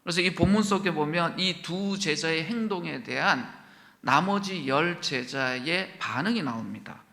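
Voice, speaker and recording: This pastor's voice sits on the high side, gravelly, pushed and bright, and he delivers his sermon unhurriedly. Questioning the congregation often, he performs quoted speech and occasionally drops to a whisper, all echoing with church hall reverb in the sanctuary.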